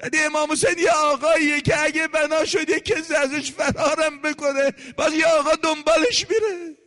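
A man giving an impassioned religious sermon, telling a story and chanting verse slowly, moving between hushed and loud passages. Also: very high voice, steady tone. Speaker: preacher. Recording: long reverb in a large hall.

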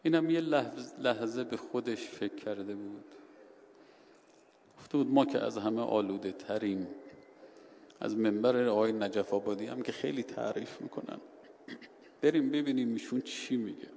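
A man telling a story in a sermon, shifting between hushed and loud, dramatic delivery. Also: mid-range voice, creaky, pauses often. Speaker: preacher. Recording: hall reverb with faint ambient noise.

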